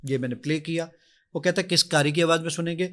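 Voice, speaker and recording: Man, app demo on a podcast, enthusiastic, animated, fairly high voice. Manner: energetic, enthusiastic, acts out his own requests. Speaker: app founder giving a demonstration. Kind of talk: podcast guest demonstrating an app.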